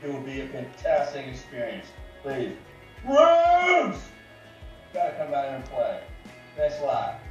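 A man's voice: mid-range voice, huge pitch swings, a little slow, soft background music. A man from New York eagerly pleading in a casual webcam message. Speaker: fan sending a video message. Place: room indoors. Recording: distant, roomy, dull webcam audio.

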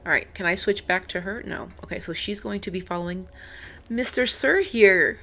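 A woman giving let's-play commentary, excitable, exclaiming and talking to the game as she plays. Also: mid-range voice, moderate pace. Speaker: gaming video creator.

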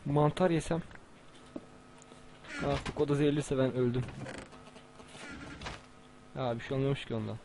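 A man talks through a video game in a casual, excitable way, shouting and swearing when things go wrong. His voice sits at an ordinary middle pitch, with clear hiss and noise underneath. It sounds like a home gaming recording. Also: unhurried, long pauses. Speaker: gamer. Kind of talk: casual gameplay commentary.

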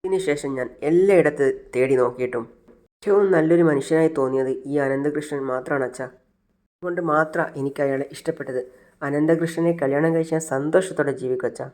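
A man's voice: fairly high pitch, brisk, a little mellow, lightly acted. A man playing a bold young woman who firmly defends the man she loves, in a retold serial. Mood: earnest firm. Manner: firm, earnest.

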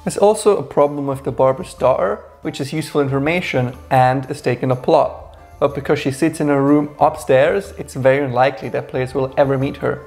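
Male co-host, 30s, sarcastic review chat, some vocal fry. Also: medium pitch, a little mellow. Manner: wry, sarcastic storytelling. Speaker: co-host reviewing a game adventure. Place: small indoor room with shelves.

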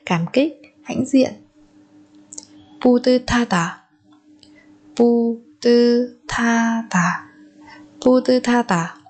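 Slow, breathy woman teaching vocabulary. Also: medium pitch, darkish tone. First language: Vietnamese. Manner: slow, deliberate, repeats each word three times. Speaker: Korean language teacher. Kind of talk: vocabulary lesson with repeated pronunciation.

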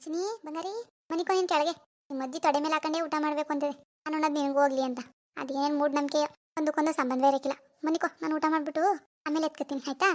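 A woman voicing a young new mother in an animated village family story, talking softly and quickly to her baby. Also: high-pitched, lightly acted. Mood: soft coaxing.

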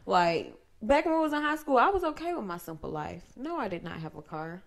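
A woman's voice: a little high, big pitch swings, fairly quick, vocal fry, crowd noise. Girl from spilling a story on a podcast, cussing, laughing. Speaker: podcast co-host. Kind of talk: casual chat, storytelling.

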